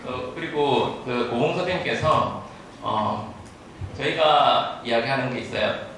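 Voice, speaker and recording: A man interpreting consecutively at a medical lecture, speaking haltingly, restarting phrases and dropping English terms into his sentences. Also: mid-range voice, a bit bright. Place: large echoing room at a talk. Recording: very echoey room, distant mic, faint noise.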